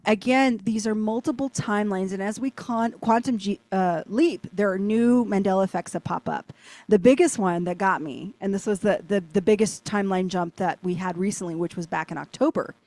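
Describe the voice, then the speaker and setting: A woman's voice: mid-range voice, moderate pace, no echo. A woman telling a rambling personal story as an interview guest, with lots of "like". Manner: animated, rambling, heavy use of "like". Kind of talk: casual storytelling.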